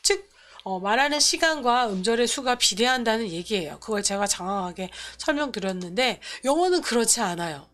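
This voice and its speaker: Korean woman giving an english lesson, slightly high voice, explains step by step and repeats herself. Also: lively intonation, a little fast, a bit bright. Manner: explanatory, repeats points, starts lines with "so". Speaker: English teacher. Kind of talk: lecture on English pronunciation.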